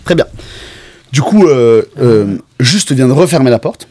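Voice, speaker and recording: A man's voice: medium pitch, lively intonation, measured pace, a little mellow, no echo. A man narrating an improvised tabletop game as game master.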